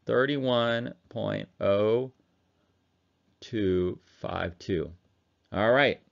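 On a dull lo-fi recording, a man teaching chemistry online chats casually while solving problems on a calculator. His voice sits on the low side and comes out extremely slowly, creaky yet clear, with a resonant tone.

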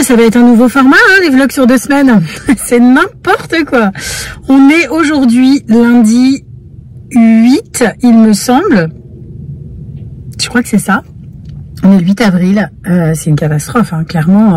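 A woman's voice: a little high, a little mellow, slight background noise. A woman vlogging to camera in a chatty, rambling way, often breaking into laughter. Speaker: family vlogger. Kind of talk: casual chat to camera.

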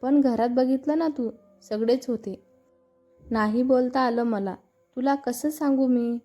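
A woman voicing a soft-spoken young woman coaxing her boyfriend in an audio story. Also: high voice, steady tone, measured pace. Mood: pleading. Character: young woman, gentle, pleading girlfriend. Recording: dull lo-fi narration with faint music.

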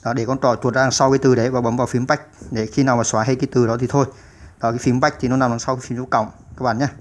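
A man's voice: medium pitch, flat delivery, rapid-fire, a little hiss or hum. A man hosting a computer typing tutorial, explaining step by step with many "à" fillers. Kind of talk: step-by-step screen-recorded tutorial.

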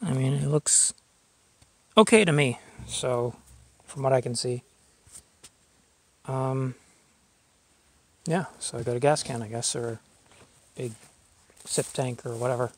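A man's voice: mid-range voice, unhurried, pauses often, slightly rough. Rambling man vlogging outdoors. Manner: rambling, filler-heavy, thinking aloud. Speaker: vlogger showing a fuel tank. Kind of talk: casual outdoor vlog narration. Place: outdoors in a grassy yard. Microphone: handheld camera mic.

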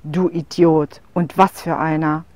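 A woman voicing a grieving woman in a storybook tale who defends her wolf, speaking quietly and with hurt. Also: low voice, little pitch movement, a little slow, dry recording. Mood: defiant.

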